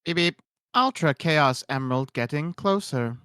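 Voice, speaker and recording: A man's voice: on the high side, animated, measured pace, bright, forceful tone, smooth, no room sound, clean studio sound. A man doing a robot voice for a talking robot car in an improvised fan story, speaking in clipped, beeping machine announcements. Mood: beeping alert.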